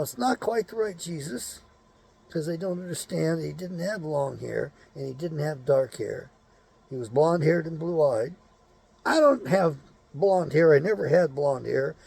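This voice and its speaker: Gravelly, blunt man ranting. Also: fairly high pitch, a little mellow. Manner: blunt, cursing, rants with rhetorical questions. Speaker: show host. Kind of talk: rambling opinionated monologue.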